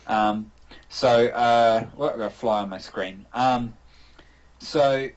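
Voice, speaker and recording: This New Zealand-accented man, a game developer, speaks slowly at a medium pitch on lo-fi audio. He gives thoughtful but meandering answers in a casual online interview, often using fillers and starting over.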